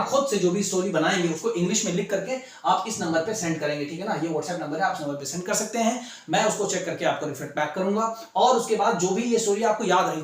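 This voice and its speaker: A man teaching English to civil service aspirants in a classroom-style video lesson, mixing Hindi and English and constantly checking in with his students. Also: high voice. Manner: repeats "ठीक है ना" as a constant check-in; mixes Hindi with English phrases. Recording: very echoey room.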